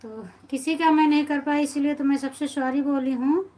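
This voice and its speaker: Chatting with viewers on her casual live stream, this thirtysomething folk singer greets them by name and complains of being tired and busy, her Hindi carrying an Awadhi inflection. Her high, warm voice moves at normal speed with fairly even intonation, and the audio is poor.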